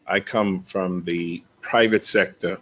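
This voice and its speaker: A man from the Bahamas speaking on a conference panel in a measured way, with restarts and fillers. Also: low-pitched, steady tone, fairly bright tone. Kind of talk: conference talk.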